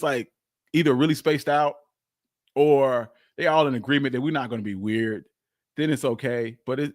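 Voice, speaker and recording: Chuckling frequently and swearing now and then, this livestream host rambles through an informal, unscripted stream, often saying the same phrases again. His voice sits in the mid range, captured at studio quality with no echo.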